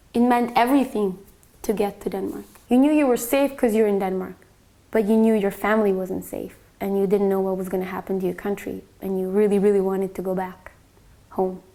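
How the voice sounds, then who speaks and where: A young woman from Bosnia recounts her own story in a quiet, reflective way, pausing often on small fillers. Her mid-range voice carries a gravelly fry at the ends of phrases. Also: mid-range voice, steady tone. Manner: reflective, soft-spoken, with frequent fillers. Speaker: interviewee. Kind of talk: personal testimony.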